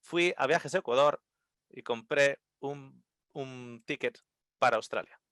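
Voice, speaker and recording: A man telling a personal story at a seminar in an animated way, acting out the voices and often restarting his words. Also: medium pitch, measured pace, dry recording, clean studio sound. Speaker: seminar speaker.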